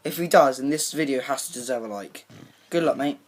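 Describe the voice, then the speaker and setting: A man's voice: medium pitch, fairly quick. A young man hosting a casual prank vlog in an informal, matey way. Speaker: video host.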